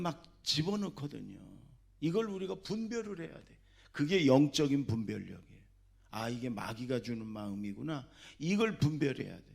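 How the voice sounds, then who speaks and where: A man's voice: medium pitch, vocal fry, a little mellow. A man preaching a Sunday sermon as senior pastor, exhorting his congregation with sudden emphatic bursts. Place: church sanctuary.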